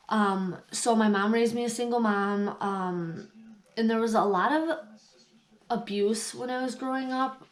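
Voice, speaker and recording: Woman with a stuffy, congested nose. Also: medium pitch. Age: adult past late twenties. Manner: hesitant, pausing to remember. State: has a cold. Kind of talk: candid personal storytelling to listeners.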